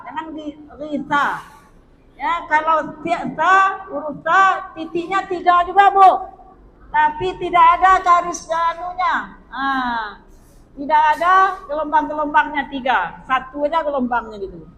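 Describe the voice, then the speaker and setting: A woman's voice: high-pitched, unhurried, bright, forceful tone, reverberant, in a large hall, a little hiss or hum, low-quality recording. A woman teaching Quran recitation rules, chanting verses and patiently correcting common reading mistakes. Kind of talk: tajwid lesson with sung recitation.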